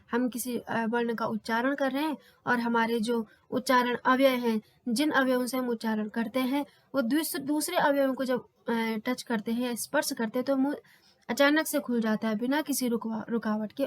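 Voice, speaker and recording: A woman teaching a grammar lesson for exam preparation, explaining patiently and sounding out letters one by one. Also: on the high side. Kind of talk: exam-prep lecture.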